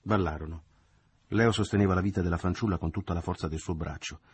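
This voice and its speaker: A man reading a novel aloud as audiobook narrator, in a measured, steady literary narration. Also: sits low, slightly rough, no echo. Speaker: audiobook reader.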